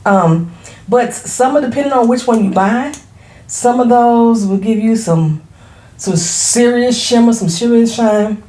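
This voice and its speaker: A woman's voice: a little high, unhurried, mellow, reverberant. A woman in her forties, a small business owner, chatting frankly to camera at home, laughing easily and using casual slang. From Florida. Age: 40s. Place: her home, products on shelves behind.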